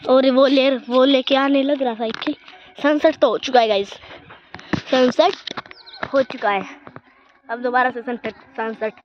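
A woman's voice: high-pitched, fairly even intonation, a little slow, long pauses, highs cut off. A woman vlogging casually outdoors with her phone, chatty and always telling viewers to look. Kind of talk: casual walking vlog. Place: outdoors in a village around home. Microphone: phone held while walking.

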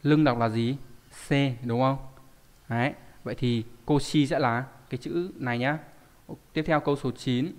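A man's voice: mid-range voice, normal speed. Male language teacher quizzing his class. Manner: quizzing students with frequent rhetorical questions. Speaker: Japanese teacher. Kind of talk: live online lesson, reading out student answers. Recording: long hall reverb.

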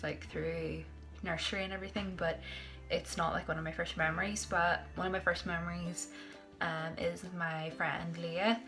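A young adult vlogger from Northern Ireland chats casually to her phone camera, held at arm's length in a small tiled bathroom indoors. Her voice is fairly low and fairly bright, and she giggles and slips into whispered asides.

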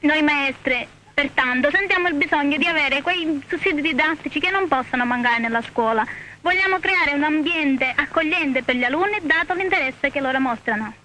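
A woman's voice: sits high, moderate pace, rough recording. A woman schoolteacher, giving a formal prepared statement. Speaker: primary school teacher. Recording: bright old film sound, faint noise.

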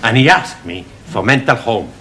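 A man's voice: medium pitch, expressive, moderate pace, bright, forceful tone. An actor playing a cheerful Spanish barman student who speaks broken English with a heavy Spanish accent, in a sitcom scene. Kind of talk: 1970s studio sitcom acting. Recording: noisy studio audience laughter. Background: studio audience laughing.

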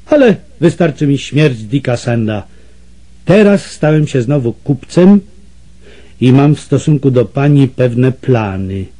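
A man's voice: fairly high pitch, very animated, measured pace, dark tone. A man voicing a scheming, mocking Portuguese slave trader in an audiobook, speaking with menace and scorn. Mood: sneering, menacing. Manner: sneering and menacing.

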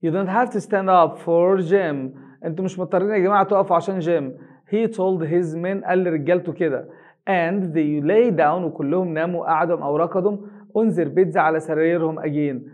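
An English teacher with an Egyptian Arabic accent, who reads a story slowly in English and translates each line quickly into colloquial Arabic. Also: male voice, high voice, narrow, tinny audio. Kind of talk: reading an English reader aloud line by line and translating it.

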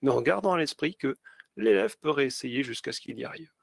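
A man walks teachers through a tutorial one step at a time, with fillers between his phrases. His voice is gravelly and a little husky. The sound is dry and close. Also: mid-range voice, animated, fairly quick, no echo. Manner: explains step by step with many fillers. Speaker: teacher trainer. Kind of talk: screen-share tutorial.

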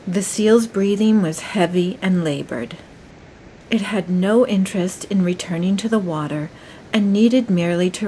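Calm woman narrating a nature film. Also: mid-range voice, a little hiss or hum, low-quality recording. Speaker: documentary narrator. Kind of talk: scripted nature documentary narration.

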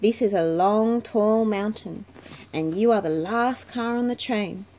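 A woman voicing a train flat car in a children's picture book, calling out warnings emphatically. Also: mid-range voice, a little slow, close to an everyday voice. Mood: cautioning. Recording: clearly noisy home recording.

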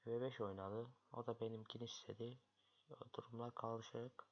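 A chess streamer with a medium-pitched, level voice at a moderate pace commentates his own online games, grumbling and muttering in frustration at his opponent. The recording is lo-fi with loud background noise.

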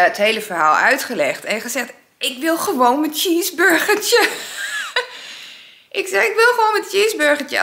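A woman's voice: a little high, bright, forceful tone. A woman vlogging, casually telling a story and acting out both sides of an argument. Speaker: vlogger, single mother.

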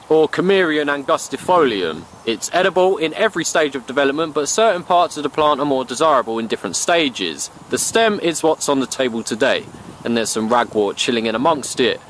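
A man's voice: medium pitch, fairly bright tone, a little hiss or hum. A young man from the UK narrating a bushcraft trip outdoors in a playful, slangy way. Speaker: bushcraft vlogger. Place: outdoors in woods and meadow.

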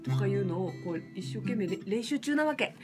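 Lively woman chatting on a late livestream. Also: medium pitch, a little fast, over music. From Fukushima. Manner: lively, rough casual speech with frequent laughs. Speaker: singer livestreaming. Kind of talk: casual late-night livestream chat.

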